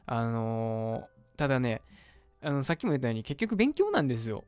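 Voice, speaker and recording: A man's voice: mid-range voice, sing-song, moderate pace, a little mellow, smooth, dry recording, soft background music. A man with a Kansai Japanese accent hosting a livestreamed radio show, chatting casually and explaining advice to listeners in a colloquial way.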